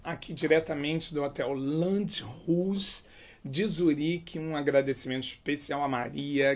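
A middle-aged man with a Brazilian Portuguese accent, hosting a TV interview in a hotel studio set, with announcer-style intros and probing questions. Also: mid-range voice. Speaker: interviewer and show host.

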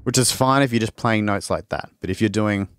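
Low-voiced man demoing music software. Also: fairly quick. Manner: loose and rambling, with restarts while working. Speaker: music producer demonstrating a sample library. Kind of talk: casual live-stream demo.

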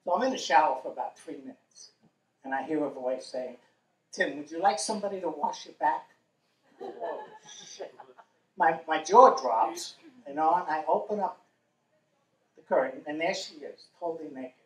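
A man casually telling a personal story, animated and wry, swearing freely. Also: fairly high pitch, moderate pace, long pauses. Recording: roomy echo, distant mic.

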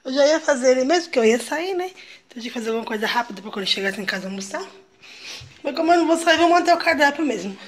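Chatty young mom vlogging at home. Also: female voice, high-pitched, expressive, very fast, slight background noise. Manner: chatty, narrates chores to viewers. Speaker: vlogger and mother. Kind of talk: casual home vlog to viewers.

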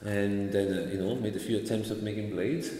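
In a large, bare indoor hall, a far camera records an Italian sword maker in his thirties giving casual interview answers, with echo and faint noise audible. His English has an Italian accent touched by Scottish. Relaxed and gesturing, he speaks fairly quickly in a fairly low voice.

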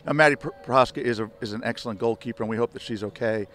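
A man's voice: medium pitch, racing, fairly bright tone. An older man, a head soccer coach, giving a rambling postgame interview on a field at night, full of restarts and fillers. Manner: rambling, many restarts and "you know" fillers. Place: outdoor stadium field at night. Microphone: handheld reporter mics held close.

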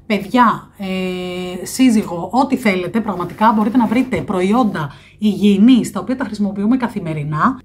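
A woman in her thirties, a vlogger chatting to the camera indoors as she shows products one by one, often pausing on a drawn-out "e". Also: mid-range voice, slight background noise. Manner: chatty, fills pauses with "e". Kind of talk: product review vlog. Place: small room indoors by a window.

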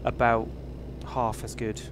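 Taking it slowly, this man in his thirties from England chats casually on a driving-game livestream, rambling and joking at his own expense in a British accent. His mid-range voice holds a fairly even pitch, set against truck engine and road noise from the game.

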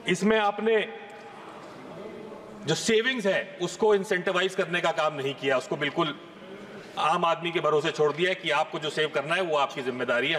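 The voice is a man's, on the high side and a bit bright: a parliamentarian in his thirties speaking emphatically and posing rhetorical questions. A fixed desk microphone picks him up, and the large chamber lends a long, hall-like reverb.

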